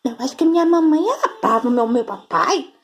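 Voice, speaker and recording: A woman's voice: high voice, expressive, a little fast, voice pushed down. A woman voicing her female pet cat, who whines and sulks in reply to her owner, in a homemade comic video. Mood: sulky. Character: cheeky grumpy female house cat.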